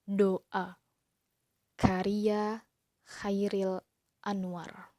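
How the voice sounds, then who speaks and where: A woman teacher reciting a poem dramatically for her pupils, drawn out, with hushed whispered lines. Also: medium pitch, flat delivery, very slow, no echo. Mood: solemn.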